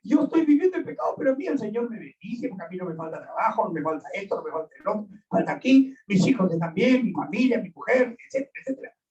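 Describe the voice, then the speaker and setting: A man's voice: high voice, very animated, fast, a little mellow. A man voicing a complacent churchgoer making whiny excuses for his sinful life, in an echoey, distant recording. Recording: echoey and distant, dull sound.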